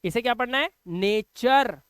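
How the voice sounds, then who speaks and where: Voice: mid-range voice, expressive, moderate pace, clean tone, dry recording. An English pronunciation teacher giving an online video lesson, explaining rules step by step and asking and answering their own questions, and fondly addressing the learner as a child.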